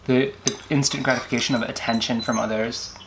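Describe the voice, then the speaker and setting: A man's voice: mid-range voice, steady tone, fairly quick, a bit bright, a little hiss or hum. A young man co-hosting a casual eating show, chatty and rambling. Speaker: co-host. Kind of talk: casual mukbang chat.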